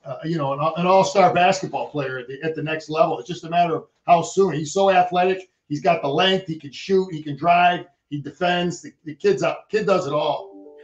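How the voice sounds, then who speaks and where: An older man co-hosting a casual sports chat over a video call from his home study, halting and repeating words. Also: fairly high pitch. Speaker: co-host, sports fan. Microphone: webcam mic on video call. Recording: roomy, distant, dull webcam audio.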